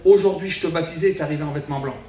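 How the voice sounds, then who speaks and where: Fast high-voiced man testifying in an echoey tent. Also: warm tone. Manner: storytelling, quoting himself and others. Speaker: church member giving testimony. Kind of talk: spoken testimony in church. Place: large tent meeting. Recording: echoey tent, mic from a distance.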